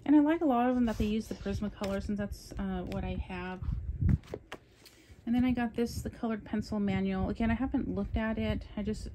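A woman's voice: mid-range voice, background noise. Chatty woman showing her coloring haul. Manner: chatty, enthusiastic, admits talking fast. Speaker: coloring channel host. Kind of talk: casual haul show-and-tell.

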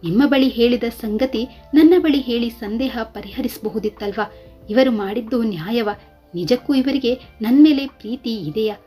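A woman's voice: a little high, normal speed, dark tone, breathy edge, soft background music. A woman voicing a hurt young married woman who pleads and questions, in a storybook reading.

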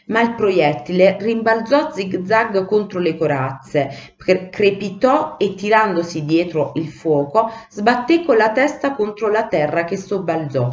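A woman teacher reading a children's storybook aloud in an animated way, in a roomy, lo-fi recording. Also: mid-range voice. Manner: animated, acts out the voices. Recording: roomy, dull lo-fi sound.

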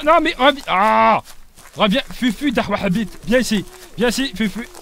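A young man streaming a survival game live, swinging between loud yelling and low muttering and swearing a lot. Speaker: gaming streamer.

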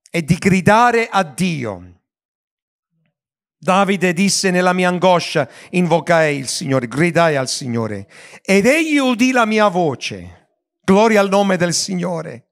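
High-voiced man preaching a sermon. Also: fairly bright tone. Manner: earnest preaching with frequent restarts and stumbles. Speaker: pastor.

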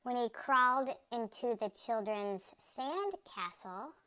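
Slow, clear woman reading a storybook. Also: animated. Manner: slow, careful storybook reading that jumps high and loud for quoted shouts. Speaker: children's book reader. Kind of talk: reading a picture book aloud.

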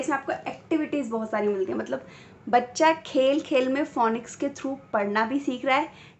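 Female vlogger, higher pitch, conversational explainer who sounds out letters and words; muffled recording, faint background hum. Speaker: parenting vlogger reviewing phonics books. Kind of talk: casual explanatory review.

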